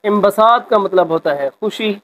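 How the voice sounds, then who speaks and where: High-voiced man teaching a class lesson. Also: expressive, a bit bright, rough recording. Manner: reads example sentences slowly and expressively, then explains. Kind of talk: explaining a textbook exercise.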